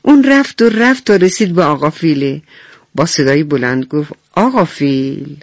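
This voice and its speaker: Gentle woman telling a bedtime story. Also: low-pitched, sing-song, no echo. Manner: warm, addresses children directly. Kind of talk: bedtime story narration for children.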